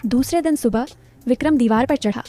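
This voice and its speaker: A woman narrating a scripted story in a steady, descriptive way. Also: fairly high pitch, brisk, faint music behind.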